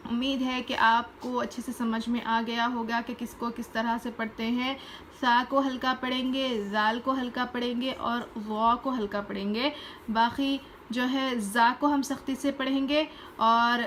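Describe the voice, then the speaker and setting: Woman, recitation teacher; slightly high voice; slow drawn-out letter drills, calm explanations. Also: slight background noise. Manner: slowly repeats each letter name three times, then explains; patient, plain instructional tone. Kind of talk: step-by-step pronunciation lesson.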